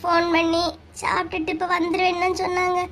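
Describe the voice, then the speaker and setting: A performer voicing a tearful, soft-spoken young daughter-in-law in a cartoon, with a Kanyakumari Tamil accent. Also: very high-pitched, monotone, fast, slight background noise. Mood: sad. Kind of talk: cartoon voice acting.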